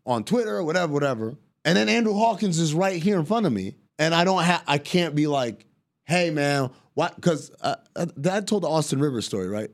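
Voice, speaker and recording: A man's voice: a little high, quick pace, few pauses. Man telling a story with acted-out quotes. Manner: animated anecdote-telling, acting out quoted dialogue, casual swearing. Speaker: podcast guest, basketball analyst. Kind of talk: casual storytelling chat.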